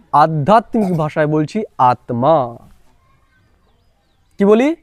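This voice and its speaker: A man with a Bengali accent teaching meditation to a live audience, his voice sitting high for a man. He explains patiently with everyday examples and keeps checking whether his listeners follow. The sound is close and dry, with no room echo. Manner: asks the audience rhetorical questions again and again. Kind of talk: spiritual lesson to a live audience.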